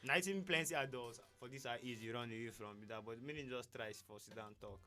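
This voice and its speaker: A male panellist with a Nigerian accent talks in Nigerian Pidgin. His pitch is average and his style is casual, offering opinions as in a chat. Some music is audible underneath. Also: quick pace, bright, forceful tone. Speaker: radio panellist.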